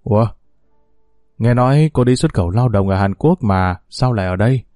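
A man's voice: on the low side, lively intonation, normal speed, dark tone, no room sound, clean studio sound, faint music behind, natural voice. A man voicing a stern older mother who scolds bluntly and coldly in an audiobook story. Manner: curt, scolding. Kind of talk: audiobook character voice.

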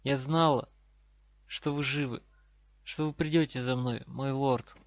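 A man's voice: mid-range voice, fairly even intonation, unhurried, no echo, natural voice. A man voicing a broken, desperate woman prisoner, devoted to her lord, her voice trembling with sobs. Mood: pleading, tearful. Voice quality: trembling, sobbing. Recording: dry, slightly dull recording.

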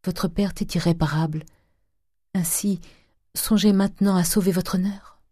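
An earnest, gentle young woman, as the reader acts her out. She speaks softly and sincerely, in a dark, mellow voice recorded dry. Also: medium pitch, fairly even intonation, normal speed, slightly rough, no echo, pitched above the performer's own voice, lightly acted. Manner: soft, earnest.

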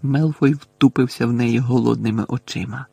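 A man narrating an audiobook with an expressive, dramatic reading. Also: medium pitch, normal speed, gravelly, husky, no room sound.

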